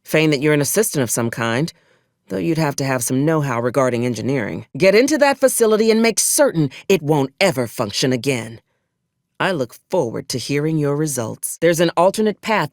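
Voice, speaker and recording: A woman voices an acquisitions officer in a video game, a ruthless, wry, coldly pragmatic military commander, in scripted character dialogue. Her low voice is clean and dry, studio-recorded, and she speaks in a clipped, folksy, old-fashioned soldierly manner laced with sardonic menace.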